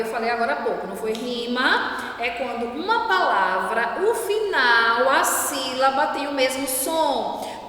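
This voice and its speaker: A woman's voice: sits high, a bit bright. A woman teacher giving a classroom lesson, patiently asking the class many questions. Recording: very echoey room with long reverb.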